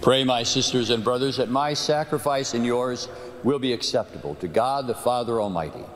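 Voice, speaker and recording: A man's mid-pitched voice rings out with long reverb in a vast cathedral. He is a priest reciting the prayers of the Mass. His phrasing is formal, solemn and measured, each short clause set apart in the echo. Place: large cathedral.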